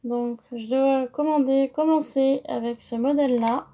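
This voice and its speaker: Brief: French woman, high mellow voice, unhurried, hesitant craft-tutorial host. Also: steady tone. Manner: slow, hesitant, many fillers.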